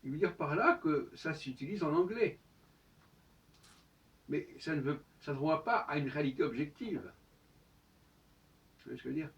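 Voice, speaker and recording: A man's voice: on the high side, animated, unhurried, long pauses. A man giving a solo spoken monologue as host, lecturing with emphatic rhetorical questions. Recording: distant, dull lo-fi sound.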